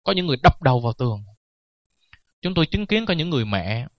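A man's voice: fairly high pitch, sing-song, fast, dry recording, lo-fi sound. A man who is a Buddhist monk giving a sermon, telling stories with jokes and laughing at them. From Vietnam. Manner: joking, anecdotal, laughs at his own stories. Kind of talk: dharma talk sermon.

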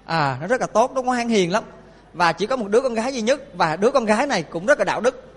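High-voiced monk preaching. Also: male voice, fast, breathy edge. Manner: lively, questioning the audience. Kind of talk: sermon with storytelling. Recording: long hall reverb.

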